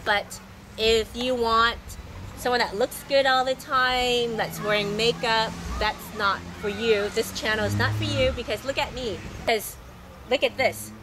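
A woman's voice: fairly high pitch, steady tone, a little slow. A middle-aged woman talking to her viewers in a chatty, rambling way, her voice still scratchy from losing it recently. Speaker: sailing travel vlogger. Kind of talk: casual unscripted monologue to camera.

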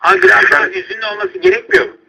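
A man's voice: very high voice, steady tone, very fast, vocal fry, pushed and bright. A man hosting a radio call-in show with casual, teasing, mock-formal banter over a thin radio and phone-like sound.

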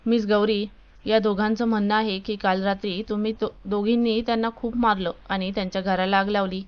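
A woman voicing a stern male college principal in a spoken storybook, scolding and commanding with clear, smooth tones. The sound is dull and a little lo-fi. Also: medium pitch, little pitch movement, fairly quick, close to an everyday voice. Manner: loud, scolding, authoritative.

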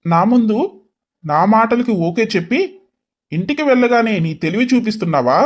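A man's voice: high-pitched, expressive, normal speed. A man voicing a stern, scolding father. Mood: angry scolding. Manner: commanding, scolding. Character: stern controlling wealthy father. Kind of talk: storybook voice acting.

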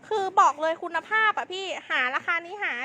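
Female live seller. Piercingly high and sharp, fast hype delivery with insistent, repeated sales lines. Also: slight background noise. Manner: insistent, repetitive sales patter. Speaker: live-stream clothing seller.

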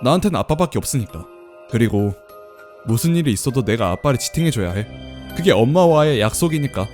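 A man voicing a gentle young girl devoted to her father, reading game dialogue in a soft, earnest way. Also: mid-range voice, lively intonation, fairly quick, faint music behind, natural voice.

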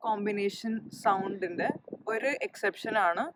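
Woman teacher on her channel, calm step by step phonics explaining, slight background hiss. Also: medium pitch, a little slow. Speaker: English teacher and channel host.

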